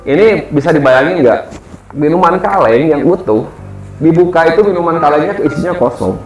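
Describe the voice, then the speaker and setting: A man's voice: on the high side, lively intonation, a little fast. A man, casually telling a ghost story as a guest and acting out the people he quotes. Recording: roomy echo with music behind.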